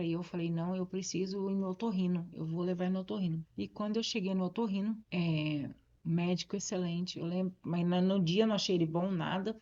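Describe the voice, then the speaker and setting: A woman's voice: lowish voice, a little mellow. A woman pastor from Brazil giving a personal testimony in an interview. She tells it with feeling and acts out the dialogue. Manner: emotional storytelling, acts out dialogue. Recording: slightly dull, muffled audio.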